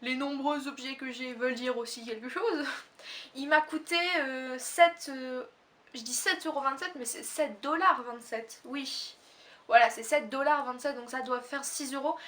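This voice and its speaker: A teenage girl from Réunion talks through a clothing haul in a high voice, full of fillers and quick self-corrections. She sits a bit back from the microphone, so her voice sounds slightly distant. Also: fairly even intonation, fairly bright tone. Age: teens. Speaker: fashion haul vlogger. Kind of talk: casual haul video chat.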